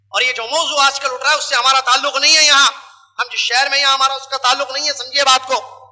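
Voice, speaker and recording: High, bright-voiced man preaching with emphasis. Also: little pitch movement. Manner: emphatic, full of rhetorical questions. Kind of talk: sermon.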